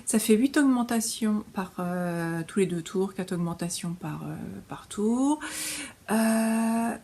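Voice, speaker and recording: A woman's voice: mid-range voice, animated, takes it slowly, warm tone. Chatty French woman hosting a knitting show. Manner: chatty, hesitant with frequent fillers and restarts. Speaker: knitting podcast host. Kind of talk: casual show-and-tell chat.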